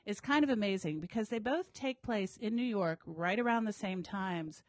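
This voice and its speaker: A woman's voice: mid-range voice, moderate pace, no echo. A woman co-hosting a bookshop podcast in casual, conversational talk. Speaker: co-host, bookseller.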